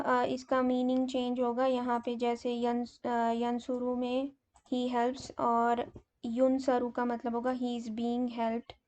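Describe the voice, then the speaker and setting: A woman teacher slowly explaining grammar, pausing often with fillers. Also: on the high side, darkish tone. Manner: slow, hesitant explaining with many fillers. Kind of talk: grammar lesson in Urdu mixed with English terms.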